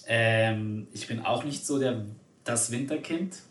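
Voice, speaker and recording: A man's voice: medium pitch, slow pace, a bit bright, echoey room. A man from Spain in casual conversation, chatty and hesitant, with many fillers. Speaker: conversation partner. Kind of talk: casual chat.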